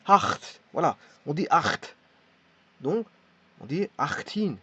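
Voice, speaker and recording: A man's voice: a little high, sing-song, slow pace, a bit bright, slightly rough, no echo. A man giving a spoken language lesson, hesitant and repeating each word as he demonstrates its pronunciation. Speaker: language teacher. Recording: dull lo-fi recording.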